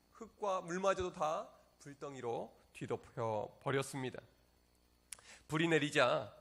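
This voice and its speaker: A man preaching a Sunday sermon as pastor, moving from calm storytelling to fervent, impassioned prayer. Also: on the high side. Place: church sanctuary.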